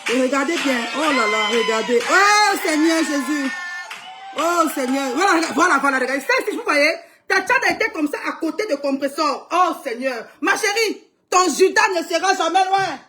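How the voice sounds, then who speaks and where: A woman's voice: high voice, animated, normal speed, over music. A young woman commenting emphatically on a live stream, urging viewers to watch, with frequent cries to God. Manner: exclamatory, calling on God.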